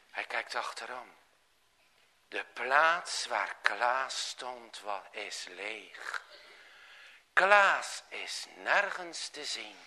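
A man telling a story aloud in an expressive, dramatic way. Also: medium pitch. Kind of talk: storytelling narration.

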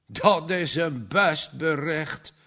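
A man's voice: a little high, extremely slow, creaky, pushed and bright, heavily acted. A man reading aloud and voicing a hesitant, flustered elderly father in a storybook.

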